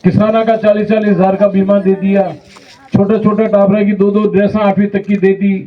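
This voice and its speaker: Flat-toned man listing schemes, tinny. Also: high-pitched, normal speed, recorded from a distance. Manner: lists benefits one after another. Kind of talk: campaign speech listing welfare schemes.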